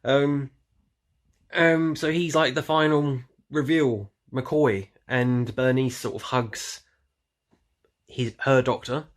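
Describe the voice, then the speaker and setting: Taking it slowly in a steady, medium-pitched voice, this YouTube reviewer talks off the cuff about an audio drama. The casual, unscripted review rambles loosely, with frequent trailing off and self-correction.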